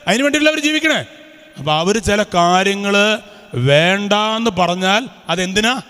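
Expressive and clear at a normal pace, this high-voiced Kerala preacher in his fifties sounds pushed, bright, and resonant. He quizzes a large hall of students with repeated questions during a lively religious talk, and the recording is full of reverb.

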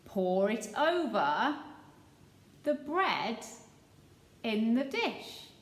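A woman teacher gives a cooking lesson to young children from a small home kitchen, speaking slowly in a lively, sing-song way and gesturing as she explains. Her voice is a little high, the room is echoey, and she's recorded at close range on a webcam or phone.

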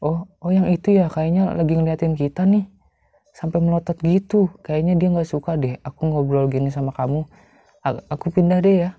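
A man reading a gentle young ex-girlfriend's lines from a story game, in a plain, slightly raised voice. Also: on the high side, fairly even intonation, a little fast, no echo, phone-quality sound, voice pushed up. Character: young woman, gentle ex-girlfriend, soft-spoken. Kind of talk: reading game dialogue aloud.

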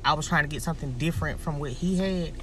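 A woman's voice: low-pitched, fast talker, noisy background. A woman, chatting casually in a car about a dinner date. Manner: relaxed, chatty, Southern US slang like y'all and finna. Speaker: vlogger. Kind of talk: casual vlog chat. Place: inside a car.

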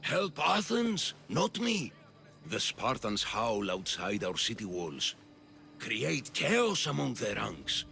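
A man plays a grandiose, scheming populist politician of ancient Athens in a video game, giving a full character voice with gravelly, oratorical delivery. His medium-pitched voice has a sharp tone and a rousing, commanding mood.

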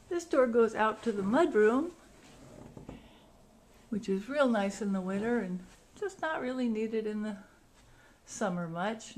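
With a mid-range, slightly mellow voice, a woman hosting a vacation rental shows viewers around the house indoors. She uses short descriptive phrases while strolling between rooms. The sound comes from a handheld camera's onboard mic and is noisy.

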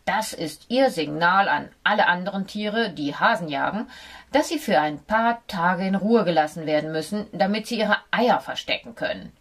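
A woman voicing a know-it-all male dog who talks gruffly and a little condescendingly in an audiobook for children. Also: on the low side, lively intonation, moderate pace, fairly bright tone. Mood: lecturing. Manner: gruff, lecturing, a little superior. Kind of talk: audiobook character voice.

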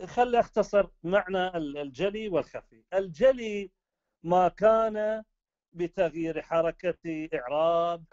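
A man's voice: fairly high pitch, a little mellow, no room sound, dull audio. A man with an Iraqi Arabic accent lecturing on the rules of recitation, explaining step by step and answering his own rhetorical questions.

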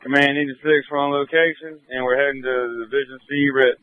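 A man's voice: mid-range voice, steady tone, fairly quick. A man talking in clipped, procedural, urgent firefighter radio traffic over a two-way radio. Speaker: fire crew officer on radio. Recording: noisy narrowband radio with clicks.

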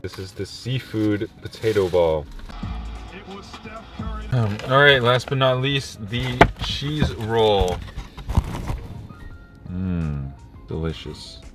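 A man's voice: fairly low pitch, expressive, slow, long pauses, over music. A young man talking casually to camera as a vlogger. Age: young adult. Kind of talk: casual vlog chat.

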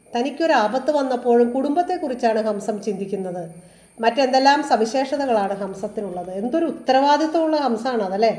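Female teacher, slightly high and soft-toned, chants verse and then explains it, recorded in a reverberant room. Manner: chants verse lines slowly, then explains them plainly; asks rhetorical questions to students. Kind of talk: exam-prep literature lesson. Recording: echoey room.

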